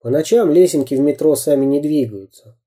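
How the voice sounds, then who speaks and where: A man reading a children's story aloud, slow and measured. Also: a little high, dark tone. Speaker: narrator.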